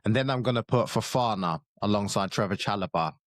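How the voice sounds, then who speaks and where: A man's voice: lowish voice, a little fast, no echo, clean studio sound. A young man in a casual football chat, passionate and fired up, with casual slang. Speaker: co-host, football fan.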